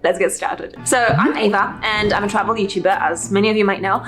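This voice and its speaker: A young woman from Poland, raised in England, telling travel stories in an animated vlog from her living room. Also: medium pitch, fairly quick, faint music behind. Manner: bubbly, animated storytelling. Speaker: travel YouTuber.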